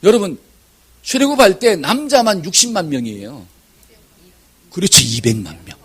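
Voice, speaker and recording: A man preaches a Sunday sermon in a high, lively voice that swoops across a wide range. His tone is slightly husky and breathy. He keeps asking his congregation questions and breaks into shouted examples. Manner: asks the congregation questions and leads scripture reading. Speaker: pastor. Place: church sanctuary.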